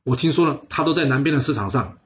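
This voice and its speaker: A man's voice: mid-range voice, expressive, quick pace, close to an everyday voice. A man doing a practical loyal retainer. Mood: advising.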